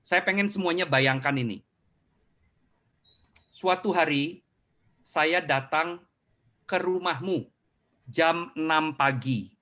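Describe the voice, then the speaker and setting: A man's voice: fairly high pitch, takes it slowly, pauses often. A middle-aged man giving a motivational talk online, answering questions and acting out little scenes for his audience. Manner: animated storyteller who acts out scenes. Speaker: motivational speaker.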